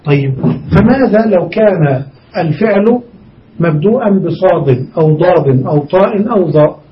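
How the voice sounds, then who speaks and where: A man's voice: high-pitched, lively intonation, moderate pace, far from the mic. A man teaching a grammar lesson, explaining step by step, repeating examples and asking his students questions. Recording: dull recording from off-mic.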